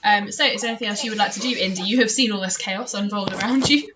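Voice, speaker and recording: Bright-voiced woman running a tabletop game. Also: medium pitch, fast, soft background music, low-quality recording. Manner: playful, informal. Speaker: game master. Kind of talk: casual narration of a tabletop role-playing game.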